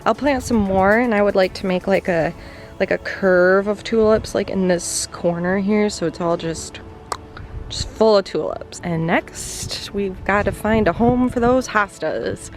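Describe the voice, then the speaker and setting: A woman's voice: mid-range voice, measured pace, soft background music. A woman chatting casually about her garden projects, partly on camera and partly in voice-over, with lots of "like" fillers. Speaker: home gardening vlogger. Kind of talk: casual vlog chat and voice-over.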